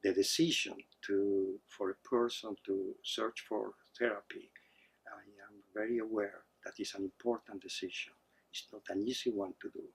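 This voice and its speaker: An Argentine psychotherapist whose first language is Spanish introduces his therapy practice to the camera in a husky, low voice. His intonation is fairly even, and he sounds measured and hesitant, with frequent fillers. The recording is rough.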